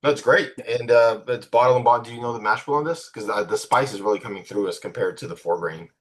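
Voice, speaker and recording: A man hosting a tasting, asking curious questions with halting restarts. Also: medium pitch, slightly rough, poor audio. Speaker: tasting host. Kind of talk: casual tasting talk.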